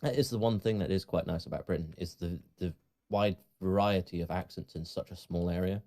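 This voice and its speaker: A man's voice: deep voice, brisk, creaky, mellow. A man co-hosting a podcast over a remote call, chatting in a jokey, playful way. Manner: jokey, plays with silly accents. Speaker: podcast co-host. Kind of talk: casual chat.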